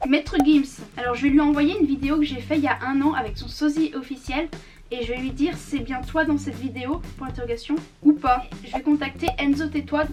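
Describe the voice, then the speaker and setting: A woman's voice: high-pitched, distant mic. A young woman chatting casually in an upbeat vlog, explaining what she does as she goes. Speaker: YouTuber.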